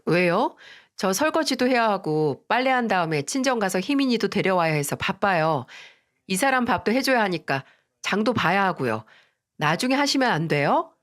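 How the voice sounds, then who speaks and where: A woman's voice: medium pitch, sing-song, moderate pace, close to an everyday voice. Woman reading as snappy young wife, brushing off her mother-in-law, cold and curt. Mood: irritated. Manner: snappish, dismissive. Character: angry defiant young wife, daughter-in-law.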